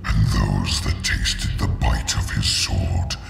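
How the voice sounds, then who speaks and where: Ancient demon, deep layered voice. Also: male voice, steady tone, heavily acted. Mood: ominous. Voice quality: gravelly. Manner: slow grave intoning. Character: ancient male demon narrator, solemn and ominous. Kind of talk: game cutscene narration. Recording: roomy echo with music behind.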